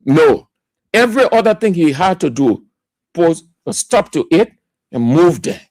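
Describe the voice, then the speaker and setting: Liberian male talk radio host, high animated delivery, dry studio sound, hammers key words. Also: a little slow, no room sound. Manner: emphatic, repeats key words for stress. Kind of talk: political commentary.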